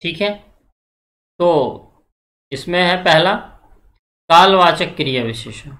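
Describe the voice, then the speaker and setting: A man's voice: a little high, animated, slow, sharp tone. Hindi grammar teacher quizzing his class. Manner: repetitive, asks the class questions and answers them; checks in often. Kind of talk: exam-prep grammar lecture.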